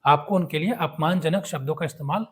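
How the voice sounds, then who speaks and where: A young man gives an English vocabulary lesson in a slightly husky, fairly high voice. He reads each example sentence slowly and twice, then explains it in an even teaching manner.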